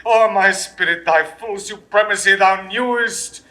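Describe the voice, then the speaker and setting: An actor playing Mark Antony, a proud, defeated Roman general, declaiming verse that swings between hushed whispers and anguished cries in a 1960s studio Shakespeare recording. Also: male voice, sits high, measured pace. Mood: reproachful.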